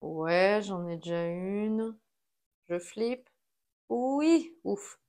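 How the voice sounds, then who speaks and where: A woman's voice: mid-range voice, expressive, drawn-out words, darkish tone. A woman talking herself through a solo board game, placing cards and counting pieces aloud in a casual running commentary.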